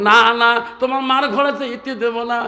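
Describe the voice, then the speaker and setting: A man's voice: very high-pitched, little pitch movement, brisk, pushed and bright, soft background music, full character voice. A male preacher with an Assam Bengali accent voicing a young wife who curtly insists on leaving. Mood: insistent. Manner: curt, insistent. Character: stubborn young wife demanding divorce. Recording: echoey hall with long reverb.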